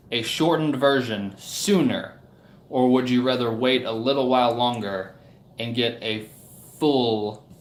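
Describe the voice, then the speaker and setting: Hosting a livestream, this medium-pitched man chats loosely with his audience, wandering from thought to thought and frequently trailing off uncertainly. There's a slight hiss or hum, and the space has a roomy echo.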